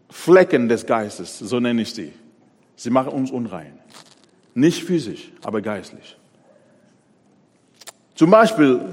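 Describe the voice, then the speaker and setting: A man preaching a sermon, pressing hard on key words, then dropping to a quiet voice. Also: medium pitch, slightly rough, long reverb tail. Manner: emphatic, swings between loud stresses and quiet drops.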